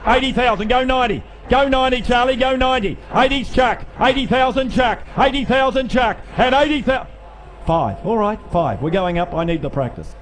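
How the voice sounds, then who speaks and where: A man's voice: very high voice, animated, brisk. A man working as a livestock auctioneer, repeating figures in a rolling bid chant and cajoling buyers between calls. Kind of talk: rapid auction chant with bid calling and sales patter. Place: public yearling auction sale, over noise. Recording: live sale with clear background noise.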